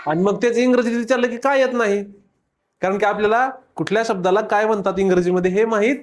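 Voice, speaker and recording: A man leads a classroom lesson, speaking to children in front of him. He keeps the class going with quick repeated questions and playful teasing, in a casual teaching style. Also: high-pitched, fairly even intonation, noisy background.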